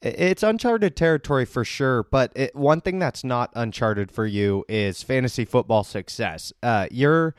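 A man's voice: medium pitch, expressive, normal speed, hardly any pauses, clean tone, dry recording, studio quality. A man hosting a casual sports podcast, building hype with upbeat banter as he interviews league members. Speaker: podcast host and league commissioner.

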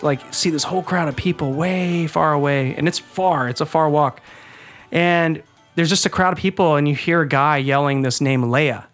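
A young man from Texas, a podcast co-host, telling jokey, animated stories in casual chat. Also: on the high side.

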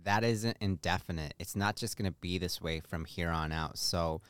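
A man co-hosting a podcast in relaxed, conversational chat. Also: sits low, moderate pace, clear, resonant tone, no echo. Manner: relaxed, conversational, uses "like" often. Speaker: podcast co-host. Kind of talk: casual chat.

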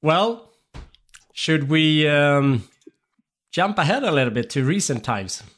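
A man's voice: on the high side, sing-song, slow, fairly bright tone. A man co-hosting a casual podcast, easygoing, laughing often and tossing in short agreeing replies. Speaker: podcast co-host. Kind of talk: casual chat.

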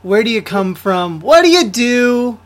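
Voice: medium pitch, big pitch swings, measured pace. A podcast host interviewing a guest casually, with playful banter and frequent laughter.

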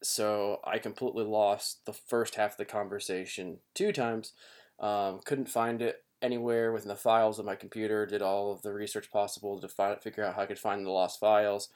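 A man's voice: fairly low pitch, flat delivery, normal speed. A man hosting a podcast, giving a casual, rueful and apologetic spoken intro recorded in a home basement. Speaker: podcast host.

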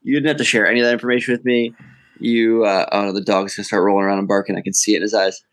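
Young male podcast co-host, lowish voice, rambling and chatty, quick to laugh. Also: flat delivery, a bit bright. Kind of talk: casual chat.

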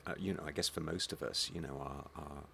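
A man with a Home Counties English accent talks in a very deep voice full of vocal fry. He is thoughtful and slightly hesitant, answering as an actor in an interview. Faint noise sits behind him. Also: fairly even intonation, quick pace, pushed and bright. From Hertfordshire, England. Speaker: stage actor being interviewed. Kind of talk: reflective interview conversation.

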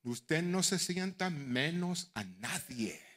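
A middle-aged man preaching a sermon in a fairly high, bright, forceful voice. His pitch swings widely, and he moves from hushed asides to loud, driving appeals. Now and then he slips English phrases into his preaching. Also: slow pace. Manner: animated, swings from near-whispers to shouted exhortation. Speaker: bishop and preacher.

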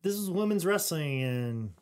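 A man's voice: a little high, animated, normal speed, darkish tone. A man hosting a podcast, talking casually and rambling through stories with many restarts and fillers. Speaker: podcast host. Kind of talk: casual chat.

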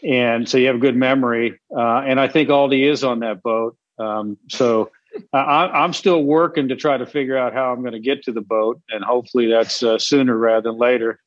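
A man's voice: medium pitch, fairly even intonation, fairly quick, dry recording, muffled recording. A middle-aged man chatting casually as an executive guest in an interview. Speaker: podcast guest, company executive.

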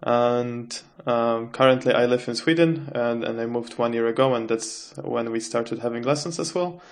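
A Czech man in his 20s, an adult cello student appearing as a guest, answers interview questions in a mid-range voice at normal speed. He is thoughtful and hesitant, frequently restarting his sentences.

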